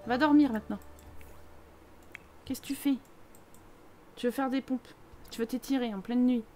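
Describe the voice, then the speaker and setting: Young parisian woman on a live stream, high voice, teasing chatter with viewers. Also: normal speed, darkish tone, a little hiss or hum. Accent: Parisian French. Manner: chatty, teasing, reads chat aloud. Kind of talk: casual live-stream chat over gameplay.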